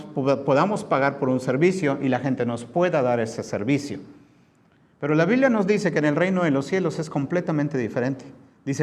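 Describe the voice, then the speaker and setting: A middle-aged pastor from Mexico delivers a sermon in a fairly high-pitched voice. He poses questions to his listeners and drives points home through repetition. He slows down when reading scripture. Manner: preaching with rhetorical questions and emphatic repetition.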